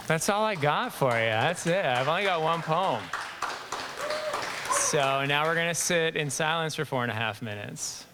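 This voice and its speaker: A man from Southern Alberta reading his own reflective poem at a live open mic, measured, then wry after. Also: on the high side, expressive, noisy background. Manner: measured, wry between poems. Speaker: poet. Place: small acoustic lounge with live audience.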